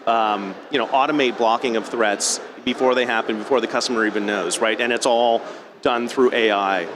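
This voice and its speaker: A man's voice: medium pitch, noisy background. A man giving an informal technical presentation at a conference, conversational and often rephrasing himself mid-sentence. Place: live talk at a conference venue.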